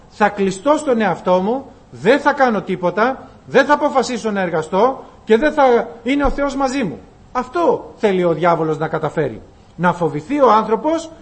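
A man with a high voice preaches to a congregation. He retells a scripture story, acting out the characters' lines. He slows down to read the old-fashioned passages. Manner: lively preaching, acting out quoted dialogue, reading archaic scripture slowly. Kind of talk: sermon on a Bible passage.

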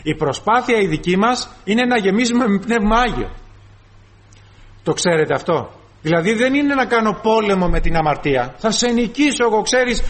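A man preaching a sermon to his congregation, calling them brothers and acting out short dialogues with the flesh. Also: high-pitched.

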